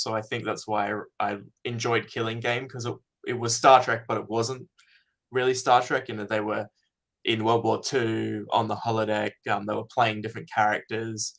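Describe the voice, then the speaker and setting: A man's voice: fairly low pitch, steady tone, normal speed, gravelly, fairly bright tone. A man, a fan filmmaker being interviewed, talking casually and thoughtfully with many ums.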